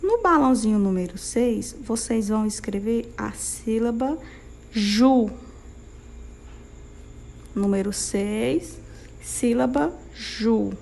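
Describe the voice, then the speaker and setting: Patient Brazilian teacher woman, slow and gravelly. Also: on the high side, animated, a little mellow, slight background noise. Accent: Brazilian Portuguese. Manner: patient, sing-song, checks in with "tá bom?". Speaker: primary school teacher. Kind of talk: slow, clear dictation to young children.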